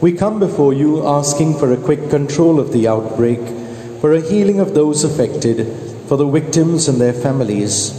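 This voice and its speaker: A man leading Mass as a priest, reciting prayers in a measured, solemn way, his voice ringing with cathedral echo. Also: fairly high pitch, animated, mellow. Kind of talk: liturgical prayer. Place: large church. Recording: long church reverb, faint room hiss.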